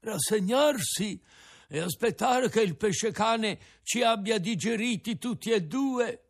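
A man voicing a resigned, philosophical male tuna with a cracked, creaky voice, speaking slowly in a storybook reading. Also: sits high, expressive, pitched above the performer's own voice, exaggerated voice. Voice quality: cracked, creaky voice like an out-of-tune guitar. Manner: slow, resigned, drawn-out delivery. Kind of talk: audiobook character voice.

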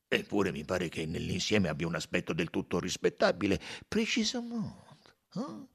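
A man's voice: low-pitched, big pitch swings, moderate pace, vocal fry, fairly bright tone, breathy edge, voice pushed down, heavily acted. A man voicing a fussy older male detective who talks in a precise, musing way and leans into vivid images. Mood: uneasy.

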